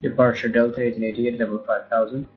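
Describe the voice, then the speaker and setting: A man's voice: mid-range voice, level tone, fast. Man, pilot, distorted radio transmission, fan-like noise, clipped readbacks, muffled lo-fi. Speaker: airline pilot. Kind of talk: radio calls to air traffic control.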